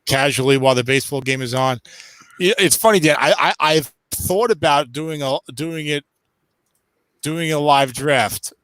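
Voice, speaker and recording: A man's voice: on the high side, normal speed, a bit bright, no room sound. A man hosting a casual league chat, teasing his friends with stammering starts.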